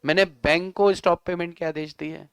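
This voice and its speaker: Male lecturer, high clear voice, dry close sound, lively teasing classroom talk. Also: a little fast, no room sound. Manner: animated, teasing, scolds students in coarse slang. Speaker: law teacher.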